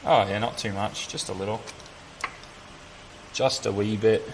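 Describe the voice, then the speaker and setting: A man's voice: fairly low pitch, steady tone, measured pace, vocal fry. Laid-back Antipodean tradesman muttering over clanking tools. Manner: laid-back blokey tradesman, slangy, talking to himself. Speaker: mechanic vlogger. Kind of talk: casual muttered commentary while working. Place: car workshop. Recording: noisy workshop with clinking metal tools.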